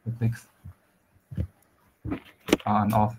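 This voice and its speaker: A man from China, an engineer talking over a video call, with many pauses, fillers and restarts. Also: lowish voice, noisy background. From central China. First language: Chinese. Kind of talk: casual conversation practice.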